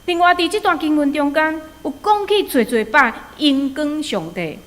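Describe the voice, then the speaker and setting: A woman's voice: high voice, lively intonation, normal speed. A woman with a Taiwanese accent preaching a sermon, telling stories and urging listeners with rhetorical questions. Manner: storytelling, exhorting with rhetorical questions. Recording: long hall reverb.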